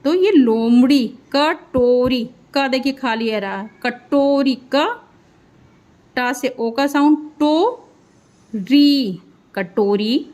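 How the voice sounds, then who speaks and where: A woman's voice: sits high, darkish tone. A woman teaching a children's spelling lesson, drawing out each word syllable by syllable. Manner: slow, drawn-out syllable-by-syllable spelling.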